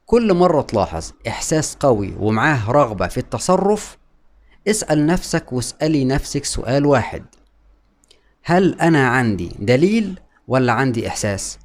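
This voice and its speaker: A man with an Egyptian Arabic accent, giving a calm explanatory talk to camera as a mental health educator, often repeating key points and asking and answering his own questions. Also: medium pitch, brisk.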